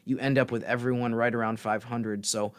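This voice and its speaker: A man co-hosting a casual sports podcast, talking in a thoughtful, measured way. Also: medium pitch, level tone. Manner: thoughtful, measured, fills pauses with "I mean" and "so". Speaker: podcast co-host.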